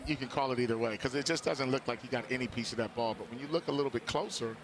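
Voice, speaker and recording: A man's voice: mid-range voice, very fast. A man giving conversational color analysis during a live football game, explaining plays informally. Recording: clear stadium background noise. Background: outdoor stadium ambience.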